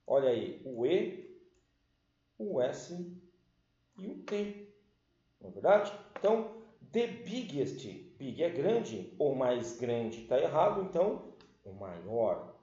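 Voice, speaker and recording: Male English teacher, slow and expressive, mellow tone, echoey lo-fi recording. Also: medium pitch. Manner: explains patiently, checks understanding with "certo?" and "tá certo?"; addresses the class as "galera". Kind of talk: recorded online class lesson. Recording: echoey room, dull lo-fi sound.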